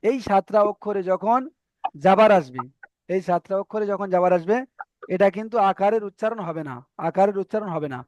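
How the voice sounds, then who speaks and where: A man's voice: high voice, fairly quick, darkish tone, no echo. A man teaching Arabic letter reading in an online class, patiently repeating each point and checking that students follow.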